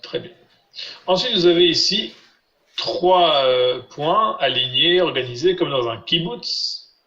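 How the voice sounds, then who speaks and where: A man's voice: fairly high pitch, lively intonation, bright, forceful tone. Patient male teacher drilling syllables. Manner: patient, repeats syllables slowly for students. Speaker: Biblical Hebrew teacher. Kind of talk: live online class. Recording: roomy, dull lo-fi sound.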